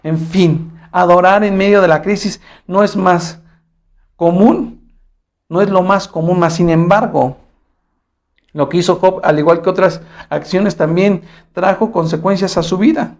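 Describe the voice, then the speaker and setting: A man with a Mexican Spanish accent preaching a sermon, earnest, building to emphatic repeated phrases and then dropping soft. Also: sits high, a little slow.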